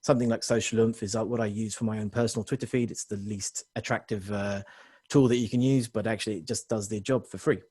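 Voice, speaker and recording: A husky, low-voiced man delivers a webinar presentation to business owners. He talks quickly, often restarting and correcting himself mid-sentence. His voice is close and dry, with no room sound. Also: steady tone, darkish tone, no echo.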